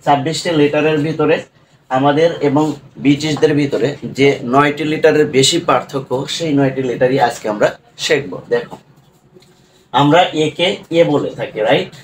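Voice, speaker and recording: A man's voice: on the high side, a little hiss or hum, low-quality recording. A man with a Bangladeshi accent teaching an online lesson, explaining patiently with fillers and repeated checks. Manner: explains slowly with repeated fillers and tag questions.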